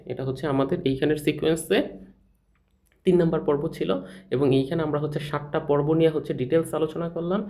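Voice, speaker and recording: A young man delivers a recorded lecture over slides at a rapid clip. His voice is mellow and a little raised in pitch. He talks in a loose, colloquial way, posing questions and answering them himself. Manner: fast, colloquial explaining, asks and answers own questions. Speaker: teacher.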